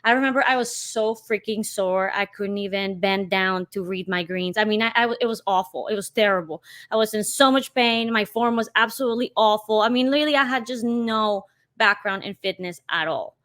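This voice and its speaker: A woman's voice: mid-range voice, fairly quick, fairly bright tone. A woman in her thirties from Colombia, a podcast guest talking casually and emphatically, with plenty of "you know". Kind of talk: casual interview chat.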